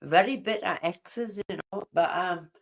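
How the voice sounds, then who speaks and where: Woman, middle-aged, unhurried, chatty livestream talk, rambling. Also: fairly low pitch. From Newcastle, England. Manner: rambling, chatty, answers viewers' comments aloud. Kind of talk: casual chat.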